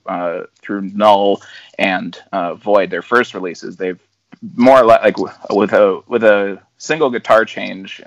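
A man's voice: lowish voice, fairly bright tone, no room sound, lo-fi sound. A man hosting a casual podcast over a video call, easygoing and full of fillers and restarts. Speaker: podcast host.

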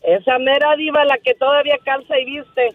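A woman's voice: high voice, flat delivery, normal speed, no echo, soft background music. A woman calling in to a radio show, chatty and playful. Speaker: caller. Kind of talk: phone-in chat. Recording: dull, dry phone line.

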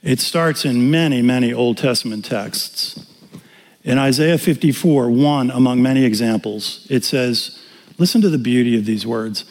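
Pastor, male, 60s. Animated storyteller, reverberant sanctuary sound. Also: medium pitch, moderate pace. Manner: animated storytelling, acting out dialogue with humor. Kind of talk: sermon with personal story. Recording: reverberant hall.

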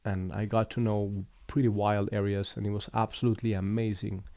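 A man from Colombia hosting a relaxed conversation, speaking reflectively with frequent pauses and restarts. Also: fairly low pitch, no room sound. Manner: reflective, unhurried, with fillers and restarts. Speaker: podcast host. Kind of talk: casual conversation.

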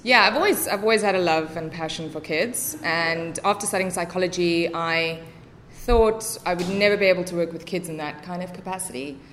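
A young South African woman with a South African accent, chatting casually as a podcast guest and often filling pauses with "um". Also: lowish voice, a bit bright, a little hiss or hum. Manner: chatty, many fillers.

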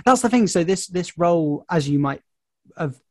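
A man's voice: high-pitched, animated, moderate pace, no echo. Musing man, dry close sound. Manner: chatty and musing, with hesitant restarts. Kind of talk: casual film discussion.

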